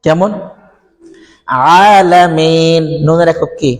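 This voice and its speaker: Teaching a Quran recitation lesson, a man explains the sounds step by step and puts questions to his listeners. His voice is a little high at a moderate pace, recorded in a hall with long reverb.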